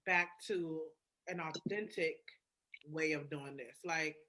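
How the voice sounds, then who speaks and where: On a phone call, a podcast co-host with a deep, sharp voice talks slowly, casually and candidly, swearing freely and repeating phrases for emphasis. The audio is poor, with a little hiss or hum.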